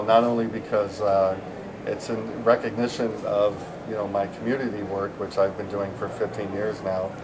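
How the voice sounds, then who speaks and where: This man's voice sits on the low side as he chats informally at a busy conference, a middle-aged American software engineer from San Diego being interviewed. He rambles with lots of fillers and restarts, and the background is noisy.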